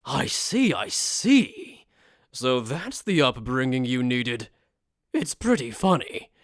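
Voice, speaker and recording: A man's voice: medium pitch, very animated, slow, no room sound, clean studio sound. A man playing a smug, sadistic aristocratic death god, with mocking, overacted anime-dub theatrics. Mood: amused, condescending. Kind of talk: anime fan-dub character acting.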